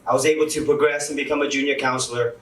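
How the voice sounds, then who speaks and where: A young teacher from Lowell, Massachusetts, gives a chatty, laughing casual talk to an audience at a launch event in a hall. His medium-pitched voice is steady and a bit bright, and he races along. He's captured from far off, with heavy hall echo.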